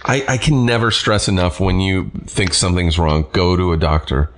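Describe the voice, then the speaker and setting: A man hosting a podcast in casual chat, blunt and quick to swear while telling stories. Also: sits low, fairly even intonation, a little hiss or hum. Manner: blunt, swears freely, storytelling. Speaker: podcast host.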